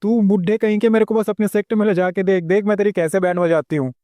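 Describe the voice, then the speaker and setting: A man's voice: sits high, fairly even intonation, fast, no echo, studio quality, close to an everyday voice. A man doing a feisty female beast. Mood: taunting. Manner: taunting, sharp-tongued. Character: feisty loyal female spirit beast, sharp-tongued.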